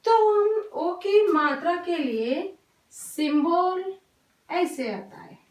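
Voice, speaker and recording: A high-pitched woman teacher talks slowly and patiently to small children, repeating each point. She is recorded from a distance in an echoey room. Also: lively intonation. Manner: slow, patient, repetitive, mixes English words into Hindi. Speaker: primary school teacher. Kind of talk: recorded Hindi class for young children. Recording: roomy echo, voice from a distance.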